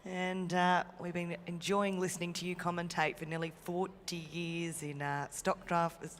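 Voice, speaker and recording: An Australian woman hosts a live event with an even, level delivery. Her voice carries through a reverberant arena PA with some faint noise behind it. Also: fairly low pitch, normal speed. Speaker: event host and co-announcer.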